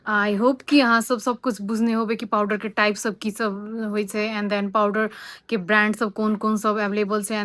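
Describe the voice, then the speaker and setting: A woman's voice: medium pitch, dry recording. A woman who teaches makeup. She gives a beauty tutorial and hesitates often, mixing English phrases into her speech. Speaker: makeup instructor.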